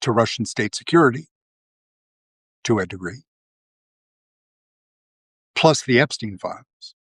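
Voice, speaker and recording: Guy on his livestream, slow drawn out talk, rambles with tons of uhs, dry little room. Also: medium pitch, expressive, husky, no echo. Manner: rambling, many fillers and restarts. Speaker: livestream host. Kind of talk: casual political commentary.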